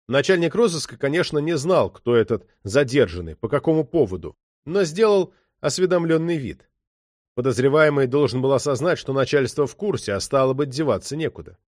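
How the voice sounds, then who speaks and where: A man narrating a crime novel as an audiobook, in an expressive reading. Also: medium pitch, fairly quick, no room sound, clean studio sound.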